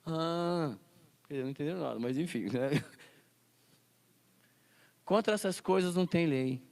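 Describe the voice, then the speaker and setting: A man with a slightly high voice teaches a Bible class. His pitch swings widely as he quotes scripture and acts out classroom scenes. He keeps turning questions back on his listeners. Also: lively intonation, a little slow, vocal fry, darkish tone. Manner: asks the class rhetorical questions.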